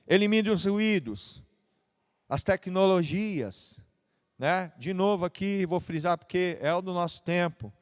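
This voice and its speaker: A man preaching a sermon as pastor, with a São Paulo Brazilian accent, swinging between hushed and loud passages. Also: high voice, a little slow, smooth. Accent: Brazilian Portuguese, São Paulo.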